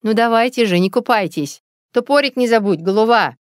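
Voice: medium pitch, moderate pace, a little mellow, dry recording, studio quality, close to an everyday voice. A reader voicing a stern, determined older village mother in an audiobook, speaking in a commanding, insistent way. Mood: scolding. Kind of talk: audiobook character voice.

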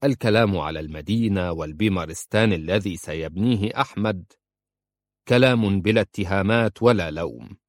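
A man voicing an older judge and father, proud and stubborn, speaking in a stern, measured way. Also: sits low, no echo, natural voice. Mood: calm.

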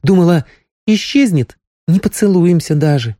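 A man's voice: high voice, animated, normal speed, dark tone, no echo, clean studio sound, voice pushed up. A man voicing a teasing, lovestruck young village woman in a raised, girlish, pleading voice. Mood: earnest, teasing.

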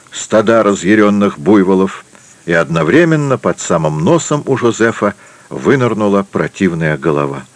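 A man narrating an adventure audiobook in a steady, measured reading. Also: on the low side, no echo. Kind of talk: scripted narration.

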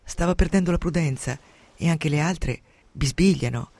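A man reading a novel aloud in a dramatic, expressive way, sinking to hushed tones at tense moments, into a close studio microphone. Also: on the high side, normal speed, gravelly, dry recording. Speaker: reader. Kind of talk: dramatic audiobook narration.

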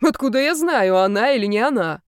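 A woman's voice: on the high side, expressive, brisk, clear, resonant tone, no echo, studio quality, close to an everyday voice. A woman voicing a brash, teasing young man who talks in pushy slang. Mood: indignant.

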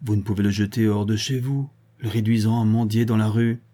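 A man voicing a sharp-tongued young woman who speaks in a brisk, firm, reasoning way. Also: on the low side, flat delivery, natural voice.

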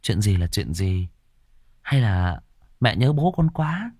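A man's voice: on the low side, very animated, slow pace, a little mellow, no echo, studio quality, heavily acted. A man voicing a cheerful young adult daughter who teases her mother, in a ghost story. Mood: teasing. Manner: light, teasing.

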